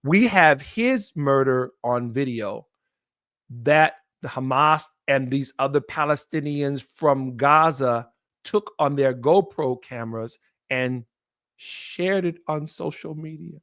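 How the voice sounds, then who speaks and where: A middle-aged man hosting a live commentary show, talking off the cuff in an impassioned way that turns halting and apologetic. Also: medium pitch, fairly bright tone, no room sound, clean studio sound. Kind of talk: unscripted live commentary monologue.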